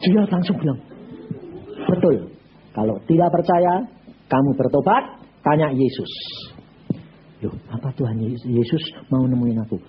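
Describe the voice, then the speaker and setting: A man's voice: mid-range voice, a little slow, pauses often, highs cut off, slight background noise. A man preaching a sermon, telling stories bluntly and acting out both sides of the conversations. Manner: blunt, animated storytelling, acts out both sides of dialogues. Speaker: evangelist preacher. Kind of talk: sermon with acted-out anecdotes.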